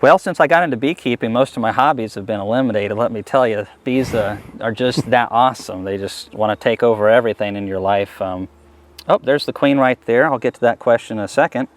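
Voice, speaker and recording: A man's voice: mid-range voice, fairly quick, a little hiss or hum. A man being interviewed as a beekeeper, chatting easily and enthusiastically while he works a hive outdoors. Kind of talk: casual interview answers while working a hive. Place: outdoors at a beehive.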